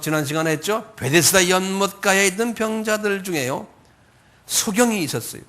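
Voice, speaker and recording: A pastor with a slightly high, somewhat bright voice delivers a Sunday sermon conversationally. He often repeats and corrects himself, and raises his voice when acting out quoted pleas.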